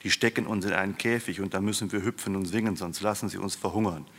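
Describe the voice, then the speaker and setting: A man voicing a timid, jittery male carp who talks in a nervous, hurried way. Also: deep voice, steady tone, a bit bright, slightly rough, exaggerated voice. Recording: long hall reverb.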